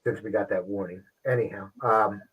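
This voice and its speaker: A man hosting a casual livestream show, talking with frequent pauses and restarts. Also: fairly low pitch, fairly even intonation, fairly bright tone, husky, rough recording. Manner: halting, pauses and restarts often. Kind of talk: casual live-stream talk.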